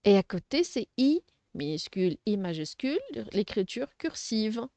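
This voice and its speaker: A woman teaching a first-grade phonics lesson, speaking slowly and articulating syllables clearly, encouraging young pupils. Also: medium pitch, very animated, dark tone, no room sound. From Arabic-speaking background.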